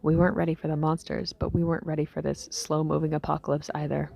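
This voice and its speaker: A woman acts out a weary young female survivor speaking into a recorder for an audio drama diary. Her voice is low, dark and mellow, with heavy vocal fry. She muses haltingly and low-key, her phrases trailing off breathily. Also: little pitch movement. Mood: somber, nostalgic. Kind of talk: scripted audio diary monologue, fiction drama.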